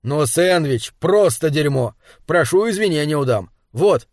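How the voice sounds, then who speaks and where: A man reading an audiobook, voicing a blunt, hot-tempered bald man who speaks loudly and coarsely. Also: on the high side, animated, measured pace, no room sound, studio quality. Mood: indignant. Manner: loud, indignant, coarse. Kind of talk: audiobook character dialogue.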